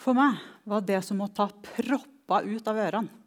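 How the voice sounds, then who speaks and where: Middle-aged woman, earnest spoken testimony, reflective, slow emphatic pauses, church talk. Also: mid-range voice.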